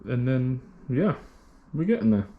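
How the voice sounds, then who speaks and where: Narrating a casual vlog as he builds a race car, a man with a British English accent sounds very animated yet keeps a measured pace, with a medium-pitched, narrow voice. He's chatty, rambling, full of fillers, and slightly out of breath from the heat of the garage workshop. The audio is tinny.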